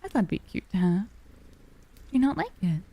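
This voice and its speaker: A woman livestreamer with a soft, cozy storybook voice, chatting casually and affectionately with her viewers, using pet names. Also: mid-range voice, big pitch swings, a little slow, husky. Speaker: livestreamer, VTuber.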